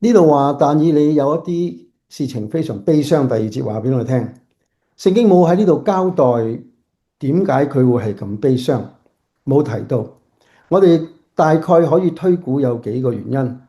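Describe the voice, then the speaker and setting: A man pastor giving a sermon from home, halting and restarting often. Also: fairly high pitch, lively intonation, mellow.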